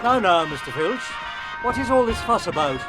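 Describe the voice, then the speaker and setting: An older British wizard professor, jovial and fussy. His high voice rises and falls theatrically as he plays the effusive, avuncular host in a video game. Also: sing-song, normal speed, over loud music, rough recording. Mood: fussed. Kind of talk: video game cutscene acting.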